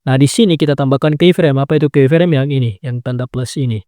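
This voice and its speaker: A video editing tutor rattles quickly through a phone edit in a screen tutorial, his mid-range voice recorded clean and dry in a studio. He stays calm, though he frequently says "nah" and corrects himself step by step.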